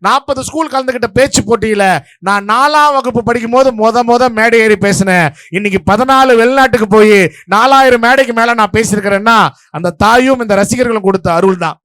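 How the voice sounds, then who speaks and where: A man from Vellore district in Tamil Nadu, judging a stage debate and giving his verdict in a rapid, playful, story-driven speech to a live audience. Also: extremely high pitch, a bit bright, no echo. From Vellore district, Tamil Nadu, India.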